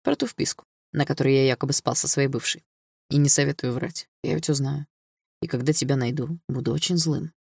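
A tough young man in an audiobook, voiced by a male reader, cold and threatening. He talks low and clipped, quiet but hard, in a dry close sound. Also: a little fast, vocal fry, husky, no room sound.

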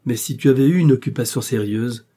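A man's voice: medium pitch, fairly quick, warm tone, lightly acted. A man voicing a proud, wounded young wife. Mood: tender. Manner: reproachful, dignified.

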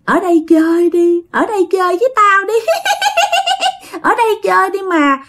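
A woman voicing an eerie, taunting ghost of a little girl, in a high, wheedling, sing-song voice. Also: expressive, unhurried, fairly bright tone, full character voice.

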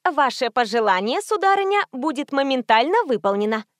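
A woman's voice: high voice, big pitch swings, fairly quick, no room sound, clean studio sound, voice pushed up. A woman reading an audiobook, voicing a timid, formal young female telephone operator. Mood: deferential. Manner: formal, deferential.

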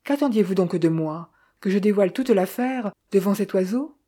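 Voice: mid-range voice, expressive, moderate pace, mellow, lightly acted. A reader voicing a young, idle male heir who speaks in an offhand, detached way.

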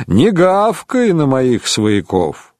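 A man voicing a gruff, hostile knight who growls insults in an audiobook. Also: mid-range voice, wildly swooping pitch, slow, darkish tone, dry recording, clean studio sound. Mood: angry. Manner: growling, abusive.

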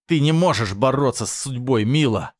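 A man voicing a menacing, possessive man who speaks slowly in a low, threatening tone. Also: lively intonation, no room sound, clean studio sound, close to an everyday voice. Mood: predatory. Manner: slow, low, threatening delivery.

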